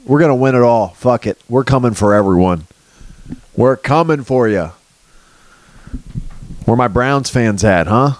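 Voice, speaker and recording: A man's voice: medium pitch, unhurried, pauses often. A man doing a rambling comic monologue as a podcast host, crude and sarcastic, swearing freely and jumping loosely from topic to topic. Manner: jumps loosely between topics.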